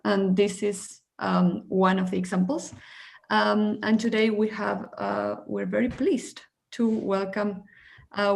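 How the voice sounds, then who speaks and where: Woman webinar host, gravelly, slow, video call, friendly with fillers. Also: medium pitch. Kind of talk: hosting a webinar.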